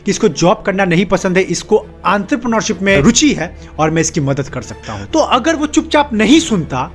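Animated high-voiced man, emphatic. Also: fairly quick, faint music behind. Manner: animated, emphatic, piles up short repeated phrases. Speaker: self-help video host. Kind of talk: motivational monologue to camera.

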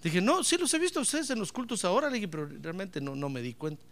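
A man's voice: high voice, wildly swooping pitch, fast, fairly bright tone. A man preaching a sermon as pastor, emphatic, calling on the congregation to answer back and slipping in joking asides.

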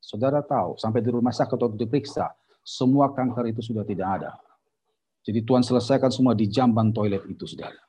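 A man's voice: medium pitch, mellow, breathy edge, highs cut off. A man preaching a sermon as a pastor, telling a story to his congregation and speaking sternly and emphatically.

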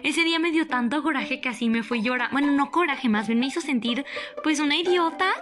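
A young woman with a Mexican Spanish accent telling a personal story in a casual, animated, dramatic way. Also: a little fast. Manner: animated, dramatic, jumps up in pitch for emphasis.

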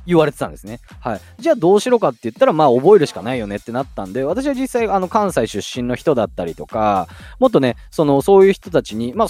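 A man's voice: on the high side, mellow, no echo. A man hosting a casual solo audio talk, speaking chattily with many fillers and rhetorical questions to his listeners. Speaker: audio podcast host.

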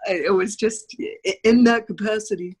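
A woman theatre producer joins a podcast as a guest, chatting through animated anecdotes and acting out remarks in a casual interview, with faint music behind her. Her mid-range voice stays steady in tone at a normal speed, with a breathy edge.

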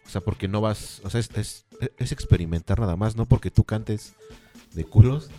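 A man's voice: fairly low pitch, normal speed, dark tone, soft background music. A man with a Mexican Spanish accent making an opinionated argument in a casual podcast chat.

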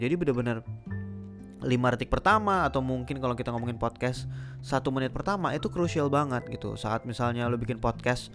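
Young man, Jakarta slang, podcast host, rapid chatty delivery, lots of fillers, faint guitar music behind. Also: mid-range voice. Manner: fast talker, many filler sounds. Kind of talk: casual solo podcast advice.

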